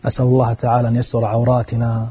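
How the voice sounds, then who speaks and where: A man's voice: mid-range voice, monotone, very fast, husky. A man preaching an earnest sermon, telling a moral story and urging his listeners, his voice climbing at emotional peaks. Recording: dull lo-fi recording.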